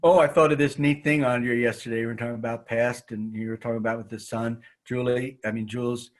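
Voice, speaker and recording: A man's voice: medium pitch, little pitch movement, fast talker. A man teaching a qigong class, talking frankly and reflectively with his students. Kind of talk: group class discussion.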